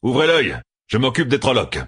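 A man's voice: mid-range voice, very animated, normal speed, a bit bright, husky, no echo, clean studio sound, voice pushed up, exaggerated voice. A man reading an audiobook, voicing a confident male battle channeler who jokes and gives orders. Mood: commanding. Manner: joking, commanding. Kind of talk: audiobook narration.

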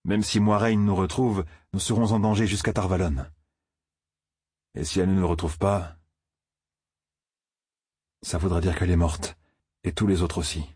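A man's voice: low voice, steady tone, moderate pace, long pauses, darkish tone, husky, no room sound, clean studio sound. A man voicing a young male shepherd on the run in an audiobook, earnest and worried. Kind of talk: audiobook character reading.

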